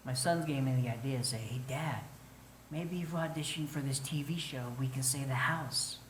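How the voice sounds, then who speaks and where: A man's voice: mid-range voice, fairly bright tone, a little hiss or hum. Earnest middle-aged man in an echoey room. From northern Arizona, United States. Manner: earnest, halting, with many pauses and fillers. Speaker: Navajo flute musician telling his story. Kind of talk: personal storytelling to an audience.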